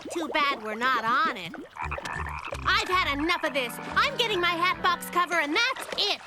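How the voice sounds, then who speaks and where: A woman voicing a confident, quick-witted little girl in a children's cartoon, with a wry, emphatic delivery. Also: extremely high pitch, lively intonation. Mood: wry, fed up. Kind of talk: animated children's cartoon voice acting. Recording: music behind the voice.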